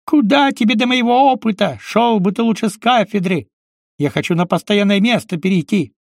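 Spiteful older man played by a man, shrill yelling, contempt, gravelly voice, audiobook. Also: moderate pace, no echo, studio quality. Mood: contemptuous yelling.

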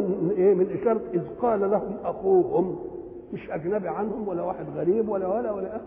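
Older Egyptian preacher, tinny echoey recording. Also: male voice, high-pitched, gravelly, slight background noise. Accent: Egyptian Arabic. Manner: animated, asks questions and answers them himself. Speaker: Quran commentator. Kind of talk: colloquial religious lesson.

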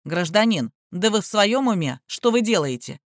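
A woman voicing a flustered young male police officer who shouts official commands. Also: medium pitch, expressive, moderate pace, no echo, studio quality, lightly acted. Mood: alarmed.

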